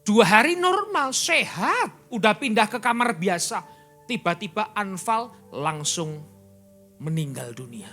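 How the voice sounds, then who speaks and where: A male pastor preaching in a church, his pitch leaping about in a very animated way and his tone sharp and bright. He jumps from near-shouting to hushed asides and keeps putting rhetorical questions to the congregation. Soft music plays faintly behind him. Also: a little slow. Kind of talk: sermon.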